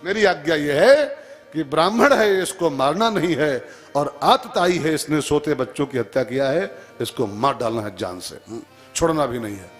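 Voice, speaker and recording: A man voicing a calm, wise male god who gives measured instruction and chants verses. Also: on the high side, soft background music, close to an everyday voice. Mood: solemn instruction.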